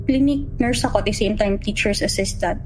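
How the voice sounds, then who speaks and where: A woman's voice: medium pitch, normal speed, a little hiss or hum, low-quality recording. A young woman from the Philippines telling a true horror story in a casual way, acting out what the children said. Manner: animated, acts out what the children said. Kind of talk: casual storytelling, mixing Tagalog and English.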